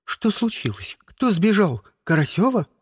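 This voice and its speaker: A man reading an audiobook, voicing a young, flustered female schoolteacher who asks anxious, quick questions. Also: sits high, big pitch swings, husky, dry recording, clean studio sound, pitched above the performer's own voice, heavily acted. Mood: alarmed.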